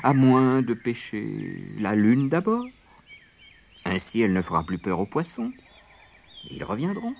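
A sly little rabbit from a storybook, teasing and quick to get excited, as a male narrator voices him. His voice jumps up high and swings widely. Faint noise sits behind the recording. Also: creaky, full character voice.

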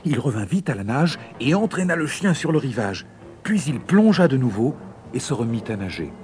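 A man reading a children's fairy tale aloud in an expressive, dramatic way. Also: medium pitch, normal speed, a little hiss or hum. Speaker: narrator. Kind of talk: storybook narration.

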